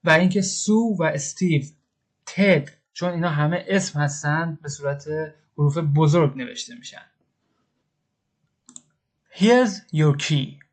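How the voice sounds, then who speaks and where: A man's voice: on the high side, steady tone. A man teaching English grammar step by step, patiently repeating each example and translating it.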